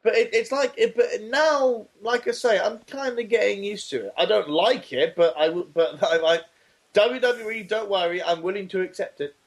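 A man co-hosting a podcast, talking casually in a rambling, jokey way with halting restarts. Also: high-pitched. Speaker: podcast co-host. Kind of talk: casual chat.

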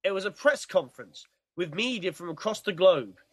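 High-voiced man reading a comedy story. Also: expressive, moderate pace, a bit bright, slightly rough, no echo. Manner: playful, does accents. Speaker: podcast co-host.

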